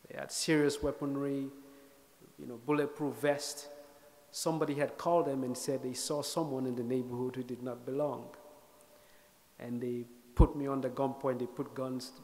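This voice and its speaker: A man in his thirties from Sierra Leone, giving a speech as an invited speaker, telling a personal story with wry, self-deprecating humor and reflective pauses. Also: mid-range voice, level tone, a little mellow. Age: 30s. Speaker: guest speaker. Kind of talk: storytelling lecture. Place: lecture hall stage.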